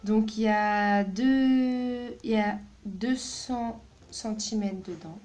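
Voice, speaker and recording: A woman hosts a casual craft video, a haul and tutorial chat, sounding chatty and hesitant with frequent fillers and giggles. Her mid-range voice is a little mellow and she speaks at a slow pace.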